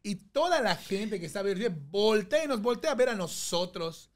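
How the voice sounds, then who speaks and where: Animated Mexican man telling a story. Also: high-pitched, moderate pace. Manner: animated, acts out voices in his anecdotes. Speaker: podcast guest. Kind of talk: casual storytelling chat.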